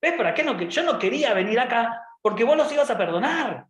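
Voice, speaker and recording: A man's voice: sing-song, quick pace, exaggerated voice. A man voices an indignant prophet who whines in a raised, strained voice. He sounds petulant and self-righteous. The room around him echoes. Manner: indignant, whining, high and loud.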